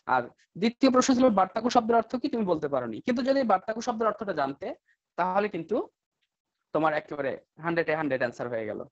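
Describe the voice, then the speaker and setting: A male English teacher giving an online class lecture, coaxing students with rhetorical questions and slowing down to spell out example sentences. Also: fairly high pitch, big pitch swings, no echo. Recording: dull lo-fi online class audio.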